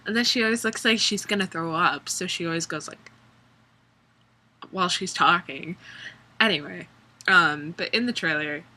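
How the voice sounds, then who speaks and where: A woman's voice: lowish voice, moderate pace, pauses often, pushed and bright. A young woman chatting casually in her dorm room, rambling and sarcastic, with many ums and likes. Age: young adult. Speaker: vlogger. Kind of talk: casual vlog chat.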